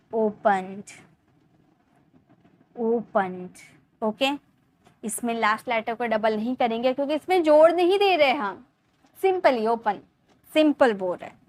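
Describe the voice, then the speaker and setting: A young woman teaching English grammar in Hindi, explaining step by step, repeating words slowly and asking her class questions. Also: fairly high pitch. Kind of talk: Hindi-language grammar lesson.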